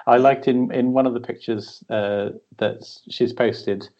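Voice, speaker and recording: A man co-hosts a podcast over a remote line that sounds dull and lo-fi. He talks loosely and jokingly, with plenty of fillers. His pitch is mid-range. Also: steady tone, unhurried, a little mellow. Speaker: podcast co-host. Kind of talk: casual podcast chat. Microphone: remote call.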